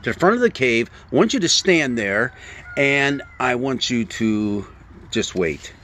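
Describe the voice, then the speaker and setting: A man voicing a calm, commanding divine voice that gives steady, plain instructions. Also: mid-range voice, measured pace, slight background noise.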